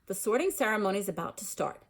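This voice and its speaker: Storybook role: strict senior woman professor, voiced by a female reader, authoritative, formal delivery, slightly rough voice. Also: mid-range voice, expressive, fast. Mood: brisk, commanding. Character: stern, formal older woman professor addressing new pupils.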